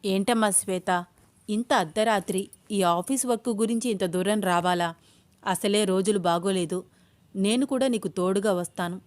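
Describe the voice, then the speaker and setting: A woman's voice: medium pitch, moderate pace, dry recording, lightly acted. A woman reading as a fussy protective older father. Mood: concerned.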